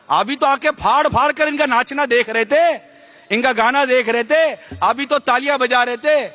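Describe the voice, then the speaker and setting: Guy giving a fiery sermon, very high bright voice, big hall echo. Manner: fiery rhetorical questions to the listeners; slips English words into his speech. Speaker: preacher addressing an audience. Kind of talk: impassioned sermon.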